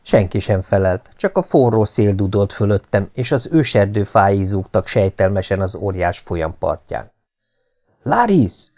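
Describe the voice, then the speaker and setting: A man reading an adventure novel aloud as an audiobook in a steady, measured storytelling manner. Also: on the low side. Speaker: audiobook reader. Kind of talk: scripted narration.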